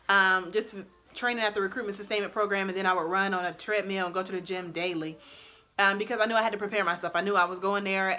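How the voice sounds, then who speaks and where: A young adult woman who served in the army, chatting expressively and laughing often as she gives casual advice on her vlog. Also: medium pitch. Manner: chatty and expressive, laughs often, loud and bold when excited. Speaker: vlogger and army soldier.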